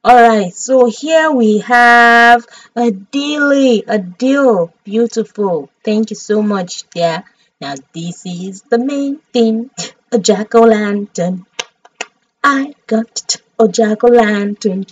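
A woman's voice: fairly high pitch, slow pace, no room sound, distant mic, low-quality recording. A Nigerian woman streaming a farming game, chatty and dramatic as she talks through each step.

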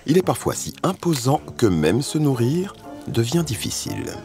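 A man's voice: medium pitch, very animated, moderate pace, music in the background. A man presenting and narrating a nature documentary in a scripted style.

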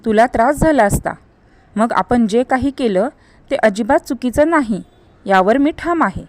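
Woman storyteller, fairly high voice, expressive reading, dialogue voiced by the narrator. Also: measured pace, dry recording. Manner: expressive, shifts pitch for dialogue, cries out in tense scenes. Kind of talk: Marathi audio story narration, voicing all characters.

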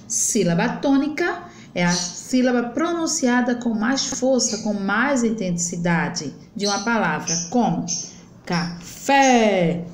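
A young adult woman, a primary school teacher, gives an online grammar lesson to children, patiently stretching words out syllable by syllable as she explains. Her voice is on the high side, the room is echoey, and there's a little hiss or hum.

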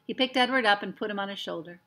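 A woman reading a children's novel aloud in a gentle, expressive storybook manner. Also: mid-range voice, fast. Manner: gentle, expressive storytelling with voiced character lines.

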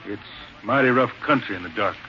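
An actor playing a gruff outlaw posing as a cowhand, with a low, drawling, threatening manner, heard through an old AM radio broadcast. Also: male voice, brisk. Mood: friendly. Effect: old AM radio broadcast sound. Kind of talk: 1940s radio acting. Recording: muffled, hissy old radio recording.

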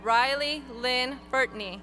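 Woman announcing names, high and bright. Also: soft background music. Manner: clear, measured name announcing. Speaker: graduation name reader. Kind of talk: reading names at a graduation. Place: outdoor stadium ceremony over PA.

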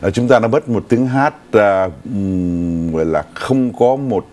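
A man's voice: on the low side, unhurried, a little mellow. An older man co-hosting a news talk show in a TV studio, recounting stories unhurriedly with some fillers.

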